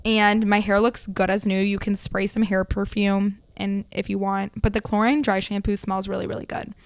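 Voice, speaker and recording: A woman's voice: medium pitch, little pitch movement, moderate pace, clean tone, no room sound. A young woman co-hosting a podcast, chatting in a gushing, casual way with lots of fillers. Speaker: podcast co-host. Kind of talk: casual chat.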